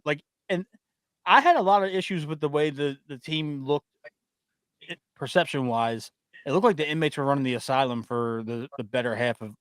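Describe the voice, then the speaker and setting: A man's voice: a little high, dry recording. A man hosting a sports podcast, blunt and opinionated in casual chat, with profanity. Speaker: host.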